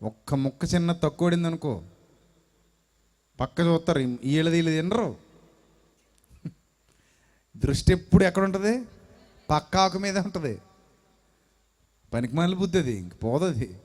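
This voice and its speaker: A man's voice: on the high side, lively intonation, normal speed, pauses often, darkish tone. A male preacher delivering a sermon, telling stories and acting out the voices of quarrelling people. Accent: Telugu. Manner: storytelling, acts out quarrelling people.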